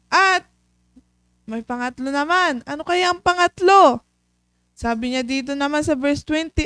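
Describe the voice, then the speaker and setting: A woman with a high voice tells a Bible story to children, slowly and patiently, pausing to ask questions. She often stops on fillers. The sound is dry and close. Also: a bit bright, no echo. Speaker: children's devotion teacher. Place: church.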